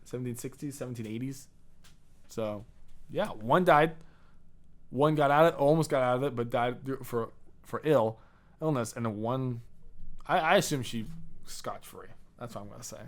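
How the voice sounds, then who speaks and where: A man's voice: mid-range voice, moderate pace, long pauses. A young man co-hosting a podcast, telling pirate history in a chatty, storytelling way with frequent restarts. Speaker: podcast co-host. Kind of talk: casual history chat.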